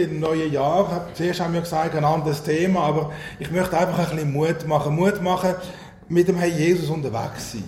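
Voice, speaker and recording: Swiss German preacher, conversational and questioning, faint room noise behind. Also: male voice, fairly high pitch, a little mellow. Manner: chatty, asks the congregation questions. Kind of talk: sermon. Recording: roomy hall with faint ambience.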